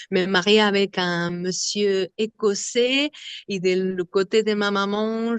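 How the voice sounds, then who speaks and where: A woman from Argentina with an Argentine Spanish accent, a Spanish native speaker, talking slowly in an interview about her vocal workshops and searching for words often. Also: mid-range voice, clear, resonant tone, no room sound. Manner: halting, searching for words, many fillers. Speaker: singer and vocal workshop leader.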